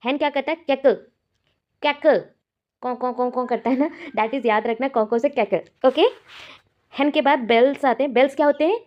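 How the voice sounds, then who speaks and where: A woman's voice: high voice, normal speed, highs cut off. A woman teacher from India giving an exam-prep lecture, explaining terms step by step and repeating the key words.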